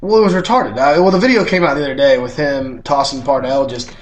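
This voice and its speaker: A man's voice: medium pitch, quick pace. A young man hosting a casual sports podcast, blunt and teasing, swearing freely as he talks. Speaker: podcast host.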